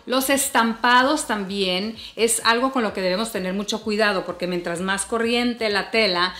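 A woman's voice: medium pitch, normal speed, faint music behind. Woman in her forties, chatty style tips, roomy bedroom sound. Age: 40s. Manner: warm chatty tips, addresses viewers as "hermosas". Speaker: fashion and beauty vlogger. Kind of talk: casual advice vlog to camera. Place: bedroom, seated before a bed. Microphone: camera at chest framing.

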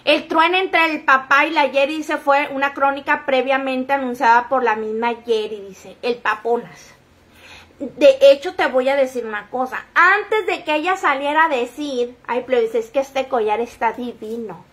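Lady dishing celebrity gossip, pretty high voice, chatty, jumps into quoting people. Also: moderate pace, fairly bright tone. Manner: chatty, acting out quoted dialogue with sudden outbursts. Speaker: gossip show host. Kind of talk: casual gossip commentary.

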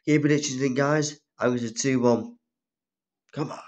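Young man, dull lo-fi phone audio, casual vlog chat, halting and low-key, middling pitch, sounding under the weather with a cold. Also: fairly even intonation, a little mellow. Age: young adult. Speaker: vlogger. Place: small room at home. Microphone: phone at arm's length.

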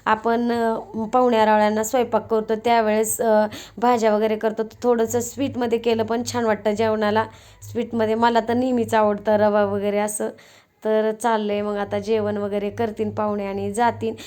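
A woman's voice: fairly high pitch, flat delivery, normal speed, darkish tone. A young woman, chatting homely and straight to her viewers as she narrates her vlog. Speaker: vlogger.

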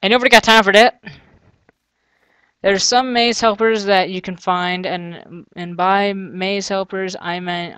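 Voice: mid-range voice, a bit bright, smooth, no room sound. Chatty let's-play gamer, bone-dry sound. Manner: chatty, grumbling and sarcastic, thinking aloud. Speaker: gamer playing through a custom map. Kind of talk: casual let's-play commentary.

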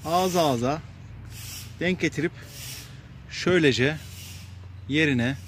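A man calmly talking viewers through a repair job step by step, pausing often with fillers as he works. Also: on the high side, slight background noise. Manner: plain and unhurried, addresses viewers as friends, frequent filler pauses. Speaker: DIY repair presenter. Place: workshop bench and outdoor paved yard.

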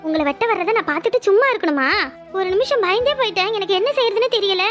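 A woman's voice: very high-pitched, fast talker, music in the background. A woman with a Kanyakumari Tamil accent voicing a stubborn, devoted young woman in a cartoon, earnestly brushing off worry.

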